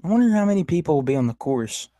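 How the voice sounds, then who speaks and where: A man's voice: a little high, sing-song, very fast, dark tone, no room sound. A man hosting a casual podcast, rambling and stammering as he rants about sports rivals. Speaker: podcast host. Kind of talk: casual live-stream chat.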